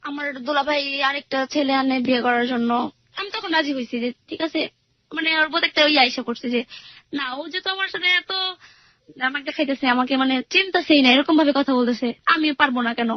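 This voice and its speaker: A woman's voice: sits high, brisk, no room sound, highs cut off. A young woman earnestly retelling her own life story in a rambling way, with many fillers. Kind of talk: personal storytelling interview.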